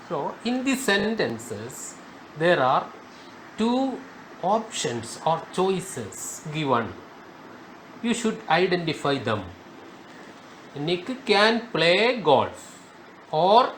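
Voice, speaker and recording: Slow, high-voiced man teaching grammar. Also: a bit bright, slight background noise. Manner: slow, emphatic, repeats key words. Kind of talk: spoken grammar lesson.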